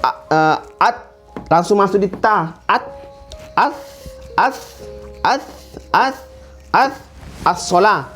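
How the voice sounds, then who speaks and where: Slow, patient male Quran teacher. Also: sits high, animated, fairly bright tone, soft background music. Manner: repeats words slowly and drawn out to demonstrate pronunciation. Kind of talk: classroom lesson.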